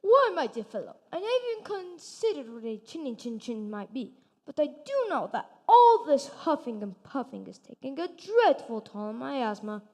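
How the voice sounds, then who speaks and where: A woman's voice: sits high, very animated, normal speed, darkish tone. A woman playing a pompous wheezy stage wolf. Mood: grandiose. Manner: plummy, old-fashioned theatrical. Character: theatrical asthmatic wolf actor, grandly polite. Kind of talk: stage play performance. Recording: stage in a reverberant hall.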